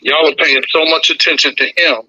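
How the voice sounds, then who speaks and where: A man's voice: a little high, steady tone, brisk, sharp tone, breathy edge. A man calling in over a crackly phone line on speaker that fades in and out, earnestly lecturing and repeating himself for emphasis. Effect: crackly phone line on speaker, fading in and out. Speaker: caller.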